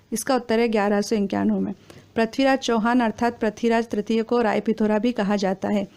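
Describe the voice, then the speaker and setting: A woman reading exam quiz questions and their answers in a steady, formal recitation. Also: fairly high pitch, clear, resonant tone.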